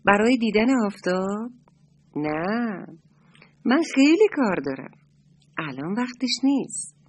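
A woman doing a slow, busy old turtle. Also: medium pitch, sing-song, slightly rough. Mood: unhurried. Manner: slow, unhurried refusals.

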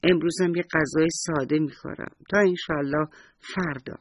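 A man voicing a kind, gentle old woman in a children's bedtime story, with a soft, sighing manner and a husky voice. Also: a little high, fairly even intonation, slight background noise, close to an everyday voice. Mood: wistful.

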